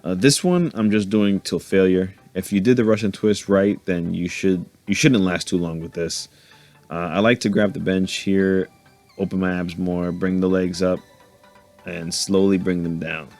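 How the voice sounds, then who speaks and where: A man with a low, deep voice talks through his gym workout in a relaxed, joking way, laughing to himself now and then. Faint music plays under his voice-over. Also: moderate pace. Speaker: fitness vlogger narrating his workout. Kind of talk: casual voice-over commentary.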